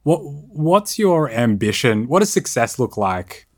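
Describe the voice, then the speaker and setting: A man investor questioning founders and thinking out loud about the business. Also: mid-range voice, sing-song, unhurried. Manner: thoughtful, reasoning aloud. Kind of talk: business pitch discussion.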